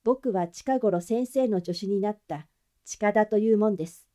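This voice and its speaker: A woman's voice: mid-range voice, normal speed, warm tone, close to an everyday voice. A woman voicing a talkative, breezy young male assistant. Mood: chatty.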